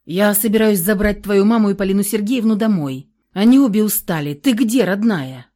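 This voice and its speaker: A woman reads an anxious grown man in an audiobook. He speaks with urgency and then drops low and hoarse, at a middle pitch. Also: normal speed, mellow, lightly acted. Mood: urgent. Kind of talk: audiobook character reading.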